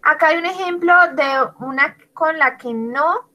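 Woman teacher going over english grammar, talks real slow and spells stuff out, praises kids by name. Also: high-pitched, lo-fi sound. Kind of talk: online class explaining grammar.

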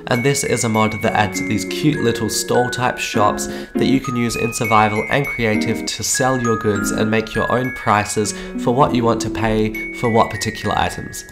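Sick-sounding male host, fairly low voice, upbeat mod showcase read, leans on repeated words. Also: fairly even intonation, moderate pace, hardly any pauses. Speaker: YouTube host. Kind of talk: voice-over game mod showcase. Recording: guitar music behind voice. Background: guitar background music.

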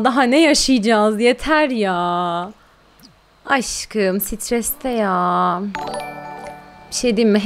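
A woman streamer chatting casually while playing a game, exclaiming and cooing at her pets and talking to viewers. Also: fairly high pitch. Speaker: gaming streamer. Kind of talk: casual live-stream gameplay chat.

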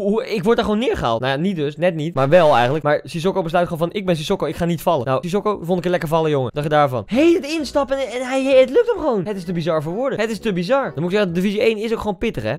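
A young man commenting on his own football video game match, excitable and given to loud outbursts. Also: high voice, very fast, hardly any pauses. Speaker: gaming YouTuber. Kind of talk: live gameplay commentary.

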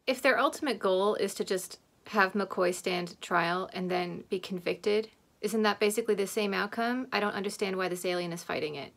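With few pauses and a moderate pace, this woman in her thirties keeps up casual commentary as she watches a TV episode, her mid-range voice fairly bright. The episode's soundtrack runs underneath.

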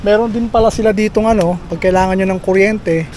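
A man's voice: high-pitched, a little fast. Filipino man vlogging outdoors in wind. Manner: relaxed, chatty, points things out while walking. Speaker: camping vlogger. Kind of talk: casual vlog tour. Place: outdoors on a shady beach campsite, later inside a tent. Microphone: handheld camera at arm's length. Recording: clear wind noise on the mic.

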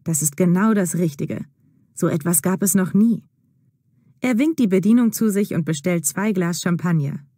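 A woman reading a story aloud in a slow, clear, deliberate way for learners. Her voice is mellow and low-key, recorded close on a dry mic with no room sound. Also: no room sound. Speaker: narrator. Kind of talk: scripted narration of an audio story for learners.

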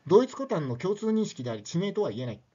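A man's voice: high voice, big pitch swings, fast talker, warm tone, slightly rough, highs cut off. An older man giving a casual spoken lecture, chatty and loose, with many tag questions and fillers.

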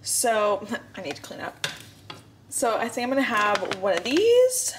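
Filming in her home kitchen and bathroom, a lifestyle vlogger in her twenties rambles casually, dropping lots of "like" and "um." Her fairly high voice swoops wildly in pitch while her pace stays measured. The on-camera mic picks up a noisy background.

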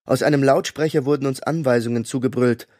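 A man reading a fantasy audiobook in a steady, measured storytelling way. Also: medium pitch, no echo, studio quality. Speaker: audiobook narrator. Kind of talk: scripted narration.

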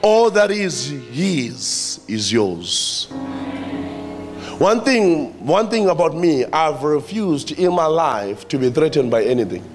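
A man's voice: on the high side, expressive, unhurried, few pauses, a little mellow, soft background music. A man with a South African accent preaching a sermon, addressing the church and repeating his phrases for emphasis.

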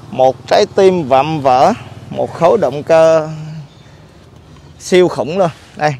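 A man's voice: medium pitch, vocal fry, darkish tone. Man, muffled through a face mask. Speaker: motorcycle dealer presenting on own channel. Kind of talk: casual vlog product review. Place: outdoors in a public park by a street.

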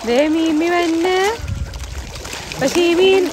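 A woman vlogger chatting casually outdoors by a fish pond, giving quick instructions. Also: very high-pitched, background noise. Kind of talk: casual family vlog chat.

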